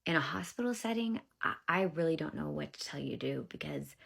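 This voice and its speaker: A young woman casually tells her own story to camera, her voice low, fairly quick, creaky, and slightly rough. She retells it with animation, acting out what others said and dropping to whispers at tense moments.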